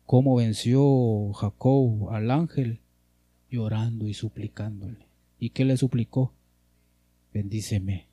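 Fervent preacher, dark voice. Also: male voice, medium pitch, steady tone, takes it slowly, husky, dry recording. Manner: fervent, repetitive pleading, drops soft at ends. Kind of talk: sermon.

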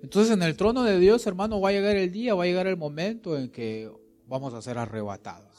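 A man's voice: high voice, brisk, a little mellow. A man preaching a sermon as pastor, asking rhetorical questions and acting out quotes, rising to emphatic peaks. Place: church.

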